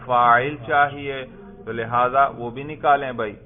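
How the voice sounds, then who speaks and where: A man's voice: mid-range voice, steady tone. Man teaching grammar over a tinny line. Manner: questioning, drilling students. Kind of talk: classroom lesson. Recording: phone-like narrow sound.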